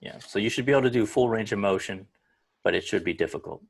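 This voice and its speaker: A deep-voiced man with a gravelly edge explains strength training on a video call. His delivery is loose and practical, with small restarts as he thinks aloud. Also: fast talker. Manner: explanatory, repeats words when restarting. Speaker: fitness coach. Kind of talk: casual instruction on a video call.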